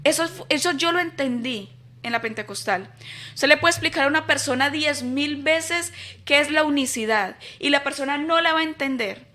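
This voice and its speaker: High, bright-voiced woman telling her story. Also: moderate pace. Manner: animated storyteller, repeats words for emphasis; acts out remembered dialogue. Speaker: interview guest, host's wife. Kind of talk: conversational personal testimony.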